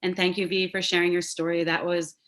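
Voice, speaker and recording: A woman guest speaker on a video call, speaking gratefully and warmly. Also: fairly low pitch, level tone, a little fast, soft background music. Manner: grateful, warm. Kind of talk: casual talk on a video call.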